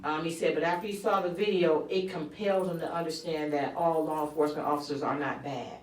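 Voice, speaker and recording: Interview guest, woman, lowish voice, animated storyteller, roomy sound from off-mic. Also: a little fast, distant mic. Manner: animated storytelling, acts out quotes. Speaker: guest author. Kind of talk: conversational interview.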